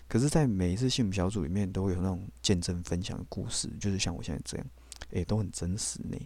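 A man's voice: low voice, fast, a little mellow, no room sound. A man, telling his faith testimony on a podcast in a blunt, candid way with casual swearing. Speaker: podcast host.

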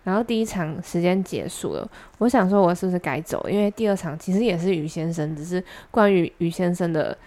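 A woman's voice: on the low side, brisk, hardly any pauses. Chatty young woman with Taiwanese Mandarin accent. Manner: chatty, animated anecdote telling with quoted dialogue. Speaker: podcast co-host. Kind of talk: casual chat, storytelling.

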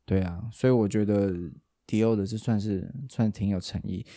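A man's voice: on the low side, fairly even intonation, normal speed, mellow. A man with a Taiwanese Mandarin accent, a podcast host in casual chat who explains at length and often restarts his sentences.

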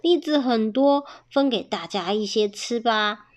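A gentle, drowsy hedgehog gentleman from a picture book, voiced by a woman reading aloud. He drawls his words slowly, in a voice pitched fairly high. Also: natural voice. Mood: friendly. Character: kind, sleepy male hedgehog.

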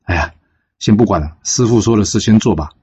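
A man's voice: fairly low pitch, a little fast, mellow, breathy edge, muffled recording. A man voicing a weary male strategist who grumbles reluctantly, in a told folk story. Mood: grumbling. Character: weary male strategist, hesitant and put-upon.

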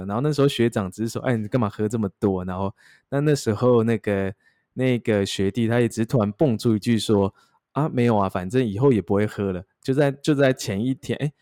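Taiwanese Mandarin man, young, low voice, dry close sound; casual podcast storyteller who voices the people he quotes. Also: dark tone, dry recording. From Taichung, Taiwan. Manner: acts out quoted dialogue while telling a story. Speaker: podcast co-host.

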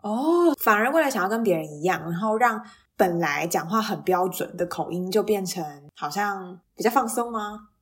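Female podcast interviewer, Taiwanese Mandarin accent, husky tone, animated intonation, inquisitive. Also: medium pitch, normal speed. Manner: curious, reacts and asks follow-up questions. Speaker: podcast host. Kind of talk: casual conversational interviewing.

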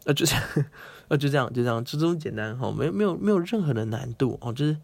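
A man's voice: mid-range voice, expressive, quick pace, creaky, darkish tone. A man hosting a casual, playful explainer talk, chatting and acting out quotes. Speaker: host.

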